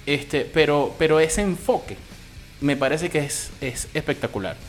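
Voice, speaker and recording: A man's voice: a little high, a little slow, faint music behind. A man with a Venezuelan Spanish accent giving a loose, opinionated film review, swearing casually as he talks.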